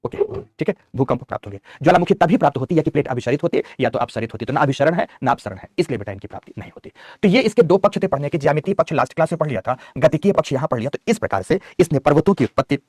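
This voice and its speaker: A man's voice: a little high, very animated, very fast, a little mellow, dry recording, studio quality. A man teaching geography in an online class, dictating notes and coaxing and scolding his students. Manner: scolding and coaxing students, calls them beta.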